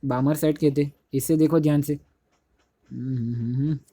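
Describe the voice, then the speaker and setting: Young guy teaching chem, mellow dry voice, keeps going "dekho" and correcting himself. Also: on the high side, steady tone, moderate pace, husky, no room sound. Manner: repetitive, keeps saying "dekho", self-correcting. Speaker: chemistry teacher. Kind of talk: casual classroom lecture. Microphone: phone held while writing on screen.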